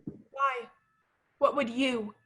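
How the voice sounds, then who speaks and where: A woman's voice: sits high, fairly even intonation, extremely slow, fairly bright tone, heavily acted. A woman playing a proud teasing countess. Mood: cool. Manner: arch, teasing verse delivery. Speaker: actor. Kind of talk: Shakespearean stage acting.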